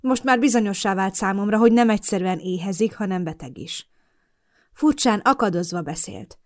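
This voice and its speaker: A woman narrating a first-person audiobook with an expressive storytelling delivery. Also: medium pitch.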